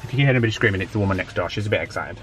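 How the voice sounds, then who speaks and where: A man with a lowish voice who talks quickly in a casual vlog chat. He drops in wry, joking asides, and faint music runs behind him. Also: a bit bright. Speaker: vlogger, half of a married couple.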